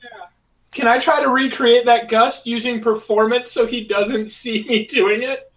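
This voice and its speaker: A man's voice: very high voice, fairly even intonation, measured pace, a bit bright, lo-fi sound. A playful, joking male player whose voice sounds distant from the microphone. He keeps a mid-range, easy tone. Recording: voice distant from the mic.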